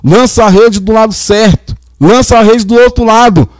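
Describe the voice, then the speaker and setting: A man's voice: high-pitched, normal speed, dry recording. A male pastor from Brazil preaching a sermon, telling Bible stories and acting out the figures' lines. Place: church.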